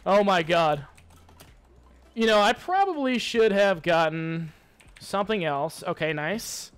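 A young man giving excitable, hyped commentary while playing a video game, swearing and taunting his enemies. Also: high-pitched, slow pace, clean tone. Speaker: gaming YouTuber. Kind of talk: live gameplay commentary.

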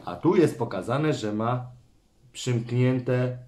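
Dad talking to camera while opening toys with his kid, chatty, teases him, reads bits out loud. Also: mid-range voice, expressive, slow pace, a little hiss or hum. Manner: chatty, reads the comic aloud, teasingly scolds the child. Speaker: father and channel host. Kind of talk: casual toy unboxing chat with his son.

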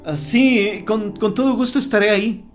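A man's voice: fairly high pitch, lively intonation, brisk, faint music behind, lightly acted. A man voicing a wary young man who is trapped and answers with tense, forced politeness in an audiobook story.

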